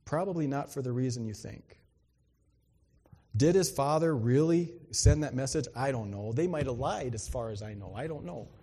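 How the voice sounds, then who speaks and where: A male pastor preaching a conversational sermon, swinging from emphatic bursts to hushed asides. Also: a little high, breathy edge, in a large hall.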